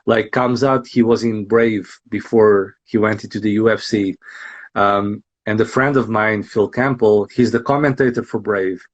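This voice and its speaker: Guy in his 30s, lowish voice, lots of ums and restarts, kinda muffled lo-fi sound. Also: fairly even intonation. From Portugal. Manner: halting, many restarts and ums. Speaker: podcast host and guest. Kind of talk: casual interview chat.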